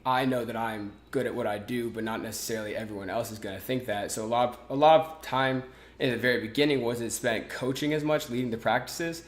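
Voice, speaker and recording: Here a man in his twenties, medium-pitched and a little fast, chats casually as a podcast guest. His delivery is relaxed and loaded with fillers and restarts, and the recording has a roomy sound.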